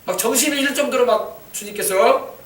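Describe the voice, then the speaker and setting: Man, pastor, impassioned sermon, high voice, distant mic. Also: a little fast, fairly bright tone. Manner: impassioned preaching, calls for amens. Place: church sanctuary. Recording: echoey church from a distance.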